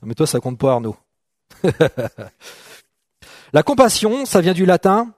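This middle-aged man has a high, sing-song voice and takes his time as he preaches to a congregation in a church hall. He keeps it conversational, regularly checking in with "d'accord?" and joking with those present. There's no room sound, and the audio is studio quality.

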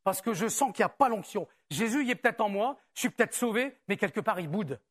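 A man preaching a sermon to his congregation. He talks in a conversational way, asks rhetorical questions and reads scripture aloud more slowly. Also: high voice, lively intonation, fairly bright tone, husky. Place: church service.

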